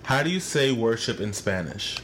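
A man's voice: normal speed, noisy background. A man co-hosting a podcast, playful and joking. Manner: playful, animated, jumps into high exclamations. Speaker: podcast co-host. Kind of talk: casual comedic chat.

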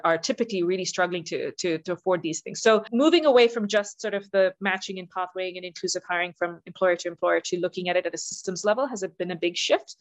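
A middle-aged woman from southern India, a youth employment leader, appears as an interview guest. Her voice is on the low side, and in a rough recording she gives earnest, articulate, explanatory answers while stressing her key points.

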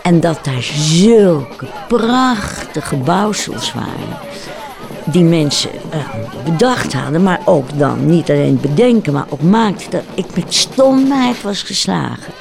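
A woman in her eighties, an activist, slowly reminiscing in an interview with searching pauses. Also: deep voice, animated, vocal fry, music in the background. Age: 80s.

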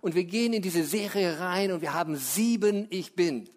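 High-voiced lively male pastor preaching. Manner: lively, conversational preaching with tag questions; drops low and slow for scripture quotes. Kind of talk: sermon.

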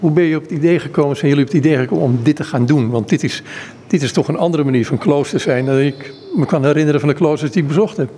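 A male interviewer asks long, probing questions at a brisk clip. His tone is dark and mellow, a touch above average pitch, and the room gives it a long, hall-like reverb with faint ambience underneath. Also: slight background noise. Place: indoor exhibition centre.

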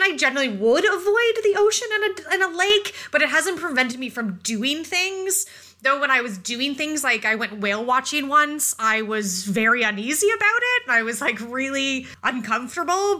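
Woman podcast co-host, fairly high bright voice, animated, self-deprecating chat.

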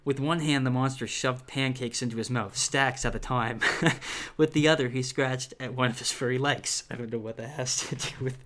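A man's voice: mid-range voice, steady tone, normal speed, hardly any pauses, fairly bright tone. Man reading a spooky book, laughing asides. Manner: laughing asides, many fillers. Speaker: podcast host reading a book aloud. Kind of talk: casual read-aloud with commentary.

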